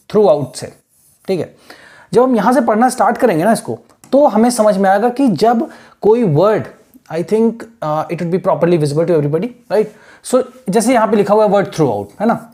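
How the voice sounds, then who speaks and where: A man giving a classroom lecture as an English teacher, explaining patiently in mixed Hindi and English and spelling words out slowly. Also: high voice, a little mellow. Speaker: English teacher for exam aspirants.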